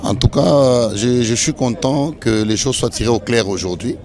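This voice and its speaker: A man's voice: mid-range voice, normal speed, a little mellow. A man, an attendee speaking earnestly in an interview. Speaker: conference attendee.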